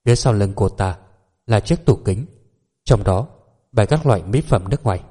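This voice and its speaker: Male audiobook narrator, low and mellow, steady and even delivery. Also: normal speed, breathy edge. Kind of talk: scripted narration.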